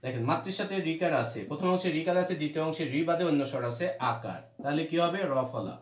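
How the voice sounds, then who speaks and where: A man's voice: fairly high pitch, animated, quick pace. A man from Bangladesh teaching a grammar lesson, repeating rules and asking questions that he answers himself. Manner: repetitive, asks questions then answers them. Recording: roomy echo.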